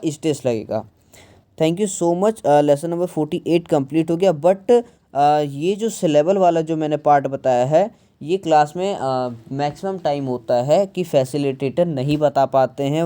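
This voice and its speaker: A woman with a low, very mellow voice walks through an English workbook lesson. She talks slowly, hesitates often and drops English words into her Hindi. The tone stays warm and unhurried. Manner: slow, hesitant, many fillers, mixing English words into Hindi. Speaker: English teacher.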